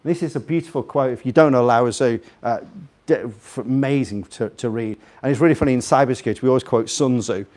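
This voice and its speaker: A fast-talking man with a mid-range, darkish voice and a slight Liverpool accent is a guest speaker. In a room in front of a live audience, he's chatty, jokey and rambling, putting questions straight to the listeners.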